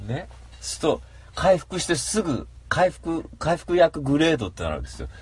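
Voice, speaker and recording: A man in a casual solo monologue who tells his story with animated mock rants. His voice is strongly husky and sits a little high for a man, and his pitch leaps up and down. The sound is dry and close. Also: fairly quick, no room sound.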